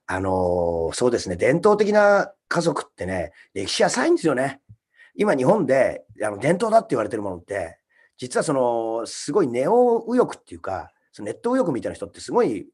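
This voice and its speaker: A man hosting his own livestream alone, talking casually, ranting with rough scolding asides and reading out viewer comments. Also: on the low side, darkish tone. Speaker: comedian hosting a solo livestream.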